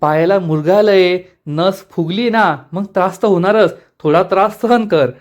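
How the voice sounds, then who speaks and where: A man's voice: sits high, unhurried. A man voicing a middle-aged mother in a serial recap, scolding her daughter firmly.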